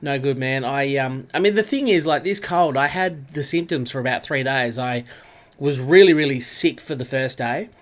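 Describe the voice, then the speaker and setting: Stuffed up and nasal from a cold, this Australian man speaks in a mid-range voice at a moderate pace. He's live-streaming a racing game, chatting casually over the gameplay and saying hello to viewers by name.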